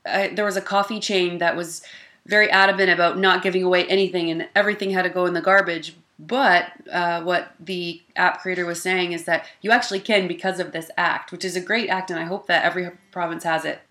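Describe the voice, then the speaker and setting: A woman's voice: on the low side, steady tone, fairly quick, bright, forceful tone. A woman hosting a podcast, asking questions in a friendly, chatty way and encouraging her guest. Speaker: podcast host. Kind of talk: casual interview chat.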